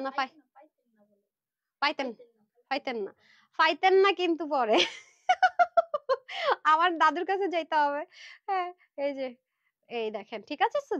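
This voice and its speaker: Fast, high-voiced woman selling clothes live. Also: fairly bright tone, no echo. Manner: chatty, upbeat hard sell with quick asides to helpers. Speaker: online clothing seller. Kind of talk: live-stream sales pitch. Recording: dull lo-fi live-stream audio.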